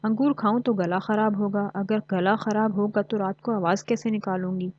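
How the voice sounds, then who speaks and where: A woman's voice: mid-range voice, steady tone, normal speed, darkish tone, muffled recording, natural voice. A woman playing a sly, greedy fox. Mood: fretful. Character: cunning greedy female fox.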